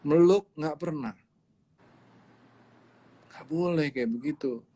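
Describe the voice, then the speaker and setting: Emphatic pastor with a husky voice. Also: male voice, fairly high pitch, takes it slowly, dark tone. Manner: emphatic preaching, repeating key words. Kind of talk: livestreamed sermon.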